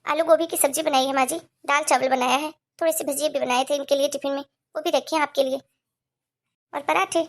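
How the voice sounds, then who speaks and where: Cartoon role: young wife, mother of two, voiced by a woman; high, slightly gravelly, earnest pleading delivery. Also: fairly even intonation, a little fast. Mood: calm.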